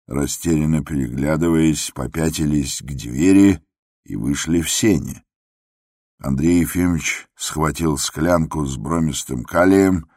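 A man reading classic prose aloud in a measured, even storytelling manner. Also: rumbling low, no room sound, clean studio sound. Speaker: audiobook reader. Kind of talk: scripted narration of classic prose.

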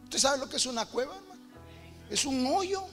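A man's voice: extremely high pitch, animated, moderate pace. A man preaching a sermon in a church, emphatic and calling his listeners brother again and again. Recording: reverberant hall with faint music.

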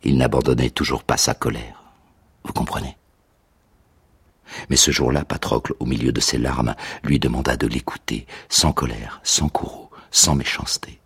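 An actor playing a grieving old male tutor who recalls the war in a slow, hushed, grave monologue for a radio drama. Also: a bass voice, fairly even intonation, husky, no echo, exaggerated voice. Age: older. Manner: slow, hushed, grave delivery with whispered phrases. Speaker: narrator of a radio reading.

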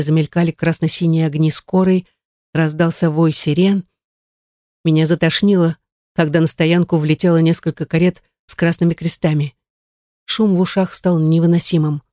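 A woman's voice: low-pitched, dark tone, no echo. A woman reading a first-person novel in a tense, dramatic way into a close studio mic. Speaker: audiobook narrator.

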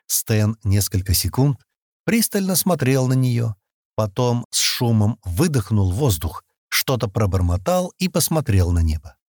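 Husky male audiobook narrator, dry sound. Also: medium pitch, big pitch swings, a little slow, a little mellow, no echo. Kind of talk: scripted narration.

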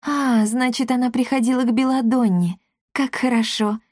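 A woman voicing a curious, stubborn young daughter with light, bright chatter. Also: on the high side, steady tone, moderate pace, dry recording, studio quality, pitched above the performer's own voice, close to an everyday voice.

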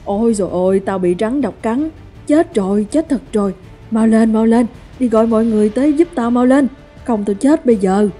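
A woman's voice: very animated, moderate pace, mellow, breathy edge, faint music behind. A woman voicing a frantic, cursing village mother. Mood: panicked cursing. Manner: cursing, shrill and panicked. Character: frantic middle-aged village mother, foul-mouthed.

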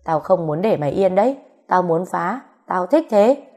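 A woman's voice: fairly low pitch, animated, moderate pace, dark tone. A woman voicing a jealous, possessive young man who stubbornly refuses to let go. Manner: pleading and possessive.

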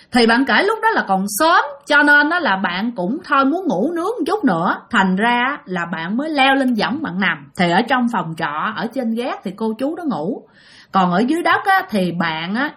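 Animated woman storyteller. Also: on the high side. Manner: animated, conversational, addresses listeners. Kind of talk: ghost story narration.

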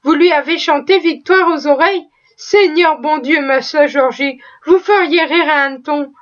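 A woman's voice: sits high, moderate pace, lightly acted. A woman voicing a proud, talkative, pious female cook who chatters in a folksy, exclaiming way. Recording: slightly dull lo-fi recording.

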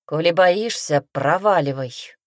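A sarcastic, snappish herbalist witch, as an audiobook narrator puts her on, weary and sharp-tongued. Her voice sits fairly low and sounds dry and close to the mic. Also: lively intonation, measured pace, no echo.

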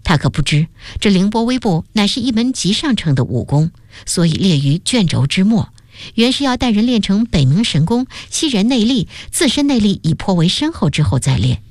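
Expressive woman reading a novel aloud. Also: mid-range voice, no room sound, studio quality. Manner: measured, expressive storytelling. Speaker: radio storyteller and presenter.

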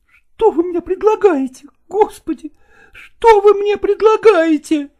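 A woman's voice: very high voice, animated, moderate pace, dark tone. A woman playing a stubborn, tearful young wife arguing with her father in a dramatized reading, emotional and defiant.

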